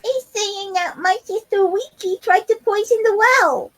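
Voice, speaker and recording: A squeaky tiny rat-folk girl. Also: measured pace, fairly bright tone. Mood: upset pleading. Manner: squeaky, childlike, broken grammar. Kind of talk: tabletop game character voice.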